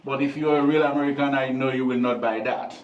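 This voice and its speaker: A man's voice: mid-range voice, fairly even intonation, fast talker, muffled recording, a little hiss or hum. A man guiding a tour inside a limestone cave, chatting and joking with the group, his voice carrying a cave echo. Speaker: tour guide. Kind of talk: guided cave tour talk. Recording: echoey cave, voice from a distance.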